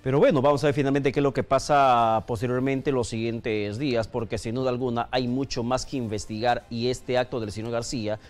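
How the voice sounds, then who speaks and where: A man's voice: mid-range voice, steady tone, brisk, few pauses. A man hosting a radio news interview in a studio and pressing his guest with listeners' questions.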